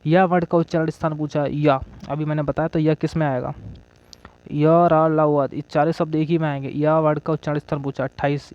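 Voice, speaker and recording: A man with a fairly high voice teaches an exam-prep grammar lesson, posing questions and answering them himself while repeatedly checking in with "okay." There is no echo, but the audio is dull and lo-fi.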